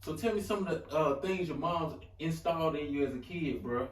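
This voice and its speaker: A man, a host from North Carolina asking relaxed, slangy questions in a casual interview. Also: on the high side, normal speed. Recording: echoey room, mic at a distance, faint ambience.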